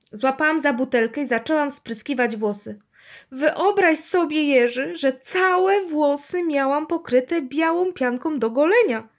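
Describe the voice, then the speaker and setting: A woman's voice: sits high, darkish tone, pitched above the performer's own voice. A woman voicing a flustered mother complaining on the phone about her ruined hair, in a children's storybook reading. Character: upset mother on the phone, fussing.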